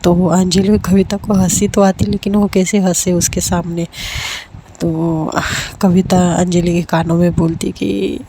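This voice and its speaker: A woman's voice: lowish voice, a little slow, slight background noise. A woman narrating a love story in a casual, conversational way. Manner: relaxed, conversational with fillers.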